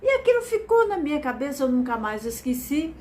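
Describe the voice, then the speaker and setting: A woman's voice: high-pitched, big pitch swings, a little fast, darkish tone, a little hiss or hum. A woman from Mato Grosso do Sul with a Brazilian accent, giving an earnest, encouraging motivational lecture and repeating phrases for emphasis. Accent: Brazilian Portuguese. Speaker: speaker presenting a method.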